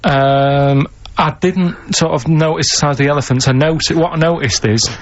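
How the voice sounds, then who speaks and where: A man, a radio show regular telling a rambling story in a flat, plain-spoken way, recorded in a radio studio. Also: a little high, moderate pace. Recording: dull radio broadcast sound.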